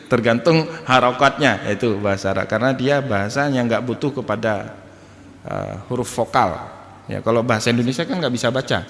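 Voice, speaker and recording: Male lecturer, mid pitch, animated teaching style, recorded in a reverberant mosque hall. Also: normal speed, vocal fry, slight background noise. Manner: lively teaching, jokes and chuckles, spells out letters. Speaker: Islamic lecturer.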